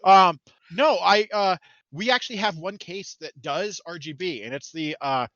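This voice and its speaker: An excitable man jokes about himself as a podcast guest. His voice is bright and forceful, a bit higher than most men's. The sound is dry and slightly dull, like a lo-fi mic. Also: normal speed, no echo. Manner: excitable, self-deprecating, jokey. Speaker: guest, marketing manager. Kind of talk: casual podcast chat.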